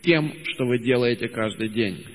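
A man's voice: mid-range voice, moderate pace. Hesitant male interpreter in a hall. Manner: hesitant, many filler sounds and self-corrections. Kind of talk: consecutive interpretation.

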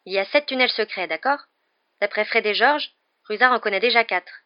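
A woman voicing a calm teenage boy wizard who speaks steadily and matter-of-factly, in a dull lo-fi recording. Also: fairly high pitch, fairly quick, no echo, pitched above the performer's own voice, close to an everyday voice. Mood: steady.

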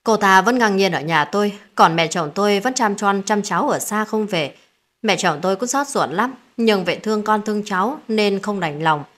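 A woman's voice: mid-range voice, expressive, normal speed, fairly bright tone. A woman telling a first-person family drama story in a dramatic reading style. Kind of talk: scripted narration.

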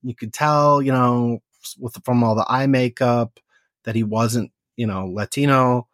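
A man's voice: mid-range voice, steady tone, measured pace, fairly bright tone, no echo, studio quality. A man co-hosting a casual movie podcast, sharing offhand opinions and fun facts. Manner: offhand, sprinkles fun facts, many fillers. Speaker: podcast co-host. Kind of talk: casual chat.

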